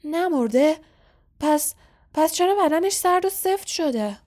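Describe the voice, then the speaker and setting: A storybook's grieving old caretaker man shrieks in fury, as a woman narrator puts him on. His voice rides high and loud, and he hurls accusations in broken, choking bursts. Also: very animated. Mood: distraught. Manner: shrieking, accusing, breaking off mid-sentence. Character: old male caretaker, shrill, grief-stricken, furious.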